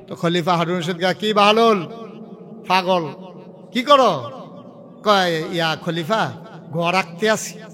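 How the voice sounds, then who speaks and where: High-voiced preacher with a lilt. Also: male voice, fairly bright tone. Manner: scolds and jokes with the crowd, storytelling. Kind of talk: humorous Islamic sermon.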